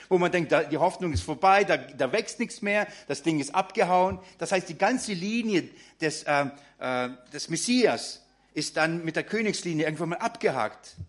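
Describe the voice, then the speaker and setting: German preacher, man, lively sermon delivery. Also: a little high. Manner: addresses congregation directly, many fillers.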